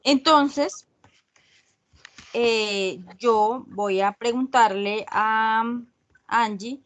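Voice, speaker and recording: A woman's voice: a little high, very slow, a bit bright. A woman teaching an online English grammar class in Spanish, patiently checking in with her students after each point. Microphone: video call.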